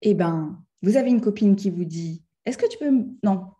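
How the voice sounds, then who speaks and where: A middle-aged French woman giving a lively talk on emotions to a live audience. She speaks to them directly and acts out little scenes in other voices. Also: medium pitch, moderate pace, highs cut off. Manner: chatty, addresses the audience directly. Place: conference room with a live audience.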